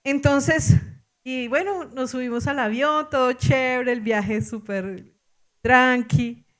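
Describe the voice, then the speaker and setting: In a high voice and at a slow pace, a middle-aged pastor with a Colombian accent narrates a story in her sermon. She is animated, laughing and exclaiming along the way.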